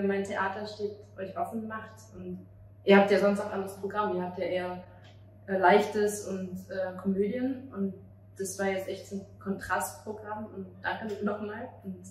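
At a street café table at night, an interviewer holds a handheld mic across to a German playwright and actress in her thirties, who answers earnestly in a medium-pitched voice. The distant mic gives a roomy sound full of street noise.

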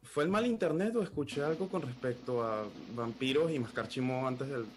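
A Venezuelan man with a mid-pitched voice joins a radio quiz over a video call. He sounds upbeat and ready to joke. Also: moderate pace, a little hiss or hum. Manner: upbeat, joking. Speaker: quiz contestant calling in. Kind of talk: casual chat.

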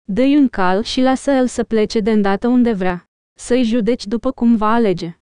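A woman reading the lines of a stern, wise old wizard in an audiobook, forceful and scolding. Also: on the high side, clean tone, no echo, clean studio sound, close to an everyday voice.

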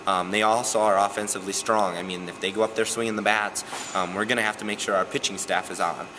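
A young man coaching softball talks through a postgame interview in a gym. His voice sits low, and he speaks with earnest steadiness, often pausing on "um". A clear hiss runs under the recording. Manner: earnest, steady, frequent "um" fillers. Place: gym, indoors.

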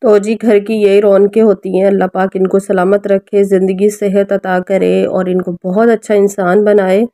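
Chatty and forever asking viewers for help, a mother with a Pakistani Urdu accent narrates a casual home cooking and family vlog in her kitchen and family room. The recording is dry, and her warm mid-range voice stays level at a moderate pace.

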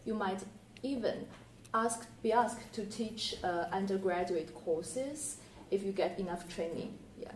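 A woman speaking on a university panel in a plain, slightly halting way. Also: mid-range voice, a little mellow, a little hiss or hum. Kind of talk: panel discussion answers. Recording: distant mic in echoey room.

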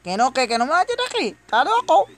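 A man's voice: very high voice, wildly swooping pitch, quick pace, fairly bright tone. A man giving comedic gameplay commentary, talking straight to his viewers and breaking into panicked shrieks. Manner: chatty, addresses viewers directly. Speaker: gaming youtuber.

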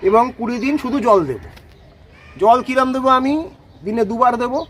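Fast, high-pitched man teaching. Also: a bit bright, a little hiss or hum. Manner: explanatory, repeats "ঠিক আছে?" to check understanding. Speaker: rose gardening expert. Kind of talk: casual outdoor demonstration.

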